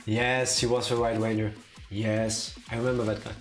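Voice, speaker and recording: Music runs beneath a medium-pitched voice with flat delivery at normal speed. It's a streamer chatting casually ahead of a game stream, offering opinions and playful teasing.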